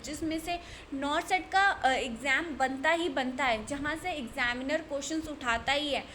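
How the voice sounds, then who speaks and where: A woman's voice: sits high, fairly bright tone, slight background noise. A woman tutoring nursing exam candidates, speaking earnestly and repeating her points to urge them on. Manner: earnest, repetitive, urging. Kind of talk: exam-prep lesson talk.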